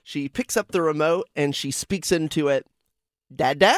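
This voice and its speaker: A man co-hosting a radio show, telling a family story in an animated, playful way. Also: fairly high pitch, moderate pace, no room sound, clean studio sound. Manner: animated storytelling, mimics his toddler. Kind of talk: casual radio banter.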